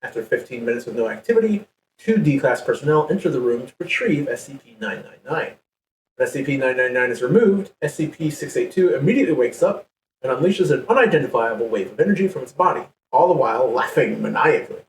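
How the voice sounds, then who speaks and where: A podcast host reads a story aloud to his guests in a playful way, laughing now and then. He talks fast with a medium-pitched, expressive voice, captured on a distant mic in an echoey space with faint background noise.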